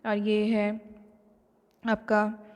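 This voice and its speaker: A woman with an Indian accent teaching an online class. She reads English textbook lines slowly, then explains them in Hindi with many fillers. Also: mid-range voice, monotone. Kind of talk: recorded lesson explaining a textbook. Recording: long hall reverb.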